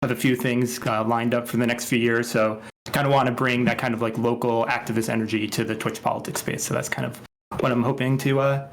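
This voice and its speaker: Activist guy giving a loose rambling intro, mid pitch. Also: level tone, a little fast, slight background noise. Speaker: panel guest, activist.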